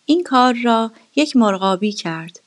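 A woman voicing a wise, patient royal vizier in a storybook reading, calm and measured. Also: fairly high pitch, natural voice.

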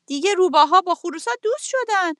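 A crafty, hungry fox from a storybook, stretching out his flattering words slowly, as a woman puts him on. The voice stays high, and the recording is dry and close. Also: dry recording. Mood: sly coaxing. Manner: sweet-talking, coaxing, drawn-out. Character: cunning hungry male fox, smooth flatterer.

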